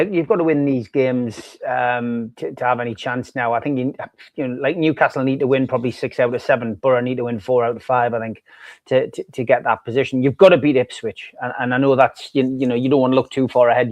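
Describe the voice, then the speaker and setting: Halting North East English man. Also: medium pitch, dry recording. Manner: hesitant, lots of restarts and you knows. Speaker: podcast co-host. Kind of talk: casual football chat.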